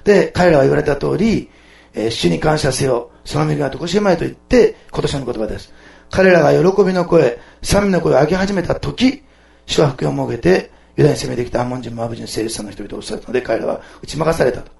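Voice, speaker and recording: Gravelly fast-talking preaching man. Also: a little high. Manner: impassioned preaching, swings from loud exclamations to soft asides. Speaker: pastor. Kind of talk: sermon. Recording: echoey room.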